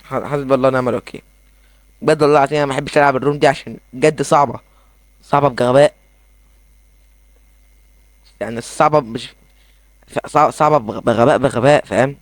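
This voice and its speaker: Young man, Egyptian accent, gameplay commentary, excitable, rambling, very fast, dry room. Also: medium pitch, dry recording. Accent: Egyptian Arabic. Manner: excitable, rambling, quick asides. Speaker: gaming YouTuber. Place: his bedroom at home.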